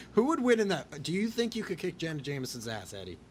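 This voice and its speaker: A man hosting a podcast in casual chat, rambling and excitable with crude jokes. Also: a little high, a little fast. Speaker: podcast host.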